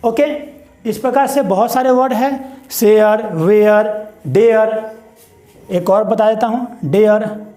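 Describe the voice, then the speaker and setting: A man teaching English pronunciation in a spoken lesson, with an Indian accent, who stretches words out slowly and keeps asking "what is it?". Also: sits high, dark tone, reverberant. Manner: repeats words slowly and drawn out, asks "what is it?".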